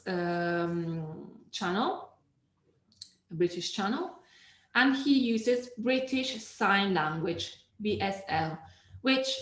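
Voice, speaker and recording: A woman teacher trainer giving an online teaching webinar, lively and demonstrative, sometimes singing or humming examples. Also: medium pitch, reverberant, low-quality recording.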